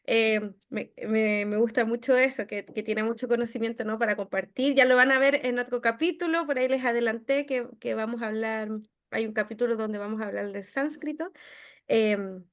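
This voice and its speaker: A woman hosts in a relaxed, chatty manner, her voice sitting a little high. She laughs easily and speaks in an easy, friendly rhythm. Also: normal speed. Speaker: host. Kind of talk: casual chat.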